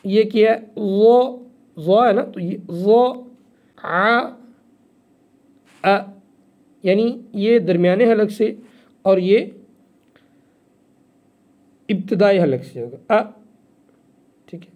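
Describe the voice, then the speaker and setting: A man with an Urdu accent teaching Quran reading, stretching out each letter name, then explaining quickly. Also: sits high, dull audio. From Pakistan. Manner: drawn-out letter names, quick asides. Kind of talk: slow recitation lesson.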